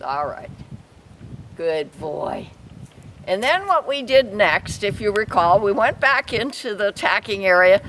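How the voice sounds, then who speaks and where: A woman hosting a casual vlog, training an alpaca outdoors and softly reassuring the animal as she explains each step. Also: fairly high pitch, slight background noise, poor audio. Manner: soothing repeated reassurances to an animal. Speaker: alpaca trainer and show host. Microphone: camera mic, handheld at times.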